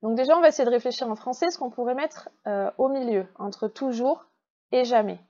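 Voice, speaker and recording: A woman with a French accent teaching English in a recorded online class, patiently explaining step by step and slowing down to model pronunciation. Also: fairly high pitch, dark tone, muffled recording.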